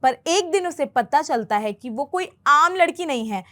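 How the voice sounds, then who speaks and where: A woman teaching English who explains film dialogue line by line, patiently repeating phrases slowly for learners. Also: sits high, lively intonation, a bit bright.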